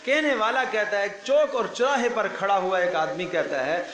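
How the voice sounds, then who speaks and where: Man preaching, somewhat high voice, storytelling, repeats phrases for emphasis, echoey room, faint background hum. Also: a bit bright. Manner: storytelling, acts out speakers in his parables, repeats phrases for emphasis. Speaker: religious teacher giving Quran commentary. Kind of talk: Urdu sermon with vivid parables.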